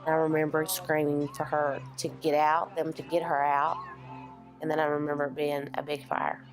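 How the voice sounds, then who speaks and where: Very low-voiced woman, conversational. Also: little pitch movement, moderate pace, faint music behind. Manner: plain, conversational recounting. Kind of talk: recorded interview.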